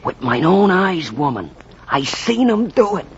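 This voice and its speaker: Sammy the Whammy, slow ancient Brooklyn fanatic. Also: male voice, high voice, very animated. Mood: eerie, boastful. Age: older. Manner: theatrical, drawn-out, streetwise bluster. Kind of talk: 1940s radio acting in rhymed verse. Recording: muffled, hissy 1940s radio recording.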